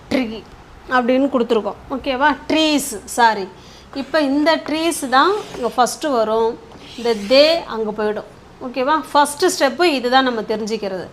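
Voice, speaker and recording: A woman's voice: sits high, a bit bright, a little hiss or hum. A woman, teaching English grammar in a patient lesson style. She often checks in with "okay?" and stretches words out while writing.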